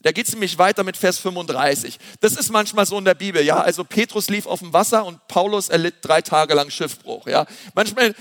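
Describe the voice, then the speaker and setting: A man's voice: high-pitched, fairly quick, hardly any pauses, fairly bright tone, big-room sound. A male pastor preaching a sermon with energy, repeating refrains and using casual slang. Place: church hall.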